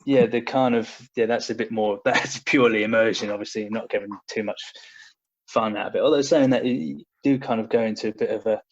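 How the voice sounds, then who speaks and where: Talking briskly, with fairly even intonation and a fairly low pitch, this podcast guest, a young personal trainer, tells casual stories but stumbles into fillers and restarts. It's recorded in dull lo-fi sound.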